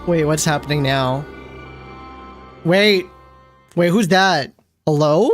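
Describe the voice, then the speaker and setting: Slangy, excitable woman reacting to a game. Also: low-pitched, slow pace, faint music behind. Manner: excitable, slangy, repeats words in disbelief. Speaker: game streamer. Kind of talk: casual live reaction to gameplay.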